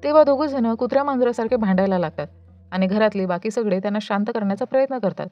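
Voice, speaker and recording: A woman's voice: medium pitch, fast talker, dry recording. A woman narrating a series recap in a sympathetic, dramatic storytelling manner. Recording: dull lo-fi voice-over with music.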